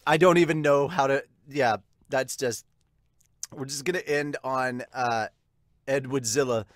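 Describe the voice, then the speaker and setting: A mid-range male voice at a measured pace, dryly recorded, belongs to a manga reviewer and host in his thirties. He chats casually and reads viewer comments in a small bookshelf-lined home room, speaking close into a large desktop microphone with a pop filter.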